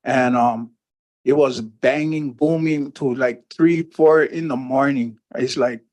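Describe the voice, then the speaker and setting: A man from Hawaii, testifying plainly and haltingly against a proposal at a public hearing. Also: medium pitch, fairly even intonation, a little mellow. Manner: plain-spoken, halting, opposed.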